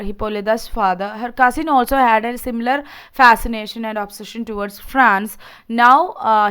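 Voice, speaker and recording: Clear, higher-voiced woman lecturer. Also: fairly bright tone. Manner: explanatory, repeats and rephrases points, checks with "okay" and "see". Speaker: literature lecturer. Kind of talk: informal lecture summarizing a play.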